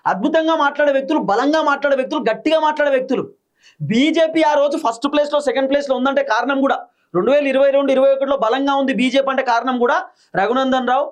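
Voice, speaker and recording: A man with a Telangana Telugu accent delivers political commentary at a rapid clip. His voice sits notably high, and he hammers each point home in short, repeated phrases.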